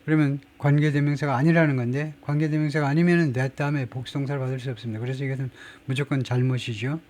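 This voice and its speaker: A man's voice: medium pitch, steady tone, fast talker, a little mellow. A middle-aged man teaching English grammar in an emphatic, explanatory lecture, reading English example sentences aloud.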